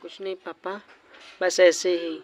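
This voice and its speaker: A man voicing a tearful young woman in love in a doll cartoon, raising his pitch. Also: flat delivery, measured pace. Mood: pleading. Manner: pleading, tearful.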